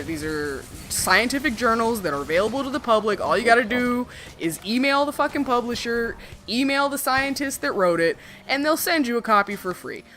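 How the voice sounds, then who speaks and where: A woman co-hosting a casual livestream chat, ranting in a profane, animated way. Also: fairly high pitch, slight background noise. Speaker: streamer co-host.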